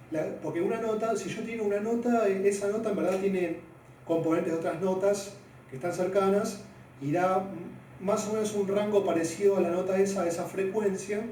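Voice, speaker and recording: A man gives a physics lesson in a loose, halting way, full of fillers. His mellow voice sits a little high for a man. He is heard from a distance in a very echoey room, with a faint hiss behind him. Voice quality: deep-voiced by his own account. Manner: loose, hesitant explaining with many fillers. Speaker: physics teacher.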